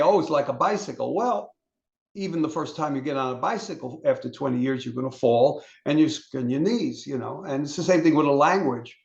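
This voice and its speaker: An older man chats casually as a guest and wanders from story to story, often restarting his sentences. His voice has a gravelly edge. The recording sounds echoey and a little muffled. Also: fairly high pitch, darkish tone. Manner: rambling storyteller with restarts and stammers. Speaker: interview guest, solo performer. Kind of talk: casual interview chat.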